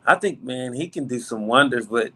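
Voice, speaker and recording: A male caller with a bright, forceful voice at average pitch. He chats casually about sports, haltingly thinking aloud. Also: lively intonation, breathy edge. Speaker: first-time caller. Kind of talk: casual sports call-in chat.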